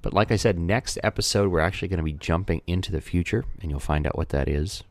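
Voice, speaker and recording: Man, very deep voice, dry close sound, casual podcast chat, hesitant restarts. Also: fast talker, no echo. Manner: hesitant, repeats words when starting. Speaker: podcast co-host. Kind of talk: casual film discussion. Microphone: headphones and podcast mic.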